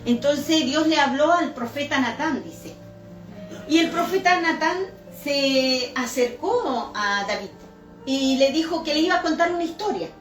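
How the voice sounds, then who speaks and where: A woman's voice: high voice, animated, unhurried, far from the mic. A woman preacher giving a sermon, telling a story earnestly and asking the congregation rhetorical questions. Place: church. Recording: echoey church room with faint music.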